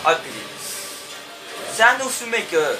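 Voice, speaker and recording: A young man casually commenting on his gameplay, excitable and talking back to the characters on screen, often repeating himself. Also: high voice, unhurried, music in the background. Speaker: let's play gamer.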